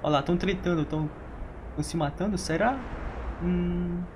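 A Brazilian man casually commenting on his own gameplay, playful and quick to laugh as he teases opponents. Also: high-pitched, background noise. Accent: Brazilian Portuguese. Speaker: gaming streamer.

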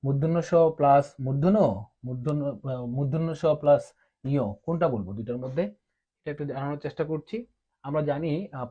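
A man teaching a class, explaining step by step with patient pauses and hesitations. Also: fairly high pitch. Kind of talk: explaining at a board. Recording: dull lo-fi recording.

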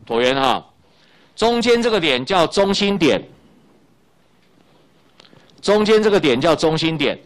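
Very animated but a little slow, and pausing often, this middle-aged Taiwanese-accented Mandarin speaker delivers a recorded high school physics lesson. He's chatty, adds little fillers to his lines and repeats what matters most.

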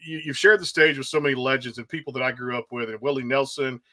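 A man's voice: medium pitch, fairly even intonation, fast talker, bright, forceful tone. A man hosting an interview, asking rambling questions with plenty of fillers. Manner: rambling, with many fillers and back-channel mm-hmms. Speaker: host.

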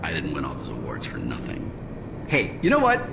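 An actor playing a vain, smug villain in a video game, monologuing with slow theatrical menace. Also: male voice, extremely low pitch, wildly swooping pitch, creaky, noisy background, exaggerated voice. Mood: gloating, theatrical.

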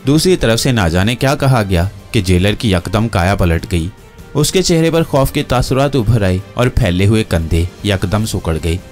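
A man's voice: lowish voice, lively intonation, normal speed, a little mellow, faint music behind. A man reading a novel aloud as narrator, steadily telling the story and voicing every character. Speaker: audiobook narrator.

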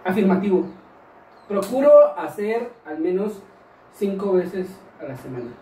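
A man's voice: high voice, sing-song, unhurried, warm tone. A man in his thirties with a Mexican accent, chatting casually in questions and answers. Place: indoors, small bare-walled room. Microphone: camera a couple of metres away. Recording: echoey room, distant mic, faint noise.

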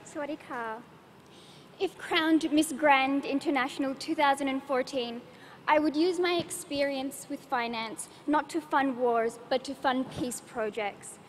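A woman's voice: sits high, a little slow. A woman in her twenties from Australia giving a rehearsed speech as a pageant contestant on stage. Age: 20s. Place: large auditorium stage. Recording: echoing hall, slight noise.

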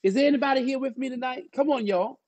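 Preacher, Bible study sermon, raspy voice, dry sound, repeats phrases, exhorts listeners. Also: high-pitched, fast talker, darkish tone, dry recording. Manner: frequent "uh" fillers, folksy phrasing.

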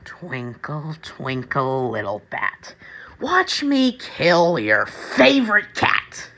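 A woman doing a raspy, manic Joker. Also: low voice, very animated, a bit bright, heavily acted. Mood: menacing. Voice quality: raspy, strained. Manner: theatrical, swooping, drawn-out taunts. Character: manic, taunting male comic-book villain clown, the Joker. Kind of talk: amateur audition reading of video game villain lines.

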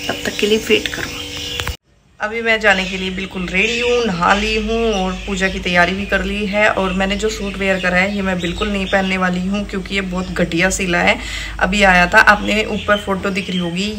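A chatty young woman talks straight to her viewers, her voice sitting at an ordinary middle pitch. The phone recording is noisy, with steady background hiss. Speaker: vlogger. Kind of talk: casual vlog chat to camera. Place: village roadside and home, outdoors.

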